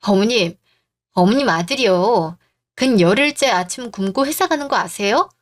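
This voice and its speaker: A woman voicing a fed-up young wife in a radio drama, speaking in sharp, clipped retorts. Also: mid-range voice, expressive, moderate pace, lightly acted. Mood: indignant.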